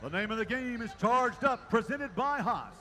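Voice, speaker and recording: High-pitched energetic male match announcer. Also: normal speed, noisy background. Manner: energetic play-by-play, rising to shouts at the finish. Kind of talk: live robotics match commentary.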